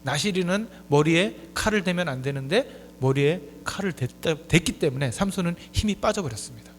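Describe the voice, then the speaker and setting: A man in his forties delivers a sermon with a fairly high voice, dropping low and quiet, then surging loud and high for emphasis. The church room gives a long reverb tail, and a faint electrical hum sits underneath. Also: animated, a little fast. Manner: emphatic preaching, swinging from soft low asides to loud high appeals. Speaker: pastor. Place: church sanctuary.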